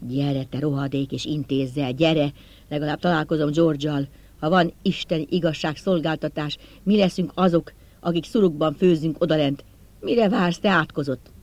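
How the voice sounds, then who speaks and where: A man voicing a frightened, hostile, sweating male scholar in an audiobook, talking in an agitated, hissing, loud way. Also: fairly high pitch, lightly acted. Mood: hateful.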